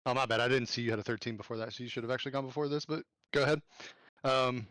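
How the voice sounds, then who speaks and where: A man in a mid-pitched voice narrates as game master for an online tabletop game. His delivery is casual and chatty, full of ums and corrections. The sound is dry and close. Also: steady tone, rapid-fire, fairly bright tone, no echo. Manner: casual, with fillers and self-corrections.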